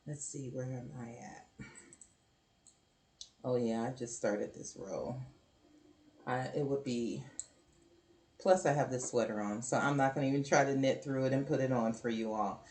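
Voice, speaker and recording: A woman's voice: a bass voice, a little mellow, roomy sound. A woman hosting her own knitting podcast, chatting casually and apologetically from home with lots of ums and restarts. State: hiccups. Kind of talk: casual show-and-tell chat.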